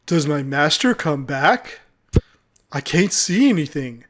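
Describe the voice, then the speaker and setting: A man's voice: fairly high pitch, very animated, slow pace, fairly bright tone, exaggerated voice. A man voicing an old, blind dog who anxiously waits for his master.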